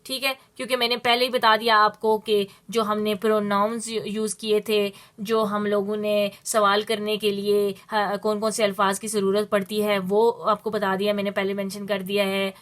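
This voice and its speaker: A woman teaching a Spanish lesson, explaining step by step and drawing out her Spanish examples slowly. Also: mid-range voice, flat delivery, fairly bright tone. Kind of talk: spoken language lesson.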